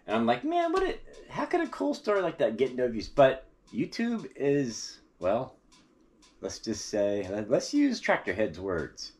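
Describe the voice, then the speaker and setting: With a husky, darkish, medium-pitched voice that swoops wildly in pitch, this American man talks unhurriedly. He chats with viewers in a folksy vlog about local history, while vehicle noise fills the background of the noisy recording.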